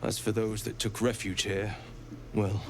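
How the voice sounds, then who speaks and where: A man's voice: on the low side, flat delivery, a little slow, background noise. An actor playing a stern middle-aged male druid leader in a fantasy game, speaking in a formal, grave way.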